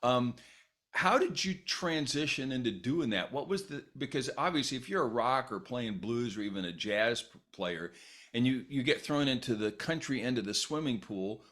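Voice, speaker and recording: A middle-aged American man hosts a casual podcast interview. He talks at length, cuts in with follow-up questions and works his own stories into them. His voice sits at an ordinary pitch. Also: animated, moderate pace, fairly bright tone. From United States. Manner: talkative, jumps in with long follow-up questions. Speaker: podcast host.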